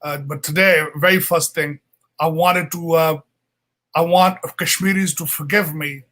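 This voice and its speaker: A man's voice: fairly high pitch, steady tone, measured pace, a bit bright. A man from Pakistan with a Pakistani accent, giving an earnest, repetitive and impassioned speech on a panel. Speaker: panel speaker, political adviser.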